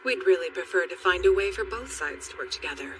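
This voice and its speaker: An actress voicing a persuasive, scheming political envoy in an anime dub. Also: female voice, fairly low pitch, lively intonation, fast, fairly bright tone, faint music behind.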